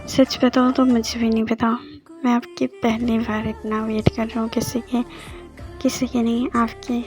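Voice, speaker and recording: A woman's voice: on the high side, flat delivery, unhurried, darkish tone, faint music behind, lightly acted. A woman voicing a talkative, eager young man who rambles at a friend, in an amateur voice drama. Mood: chatty. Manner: chatty, rambling.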